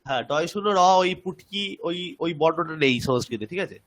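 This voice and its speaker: A man's voice: fairly high pitch, lively intonation, moderate pace. A man teaching Sanskrit grammar in an online class, explaining patiently step by step.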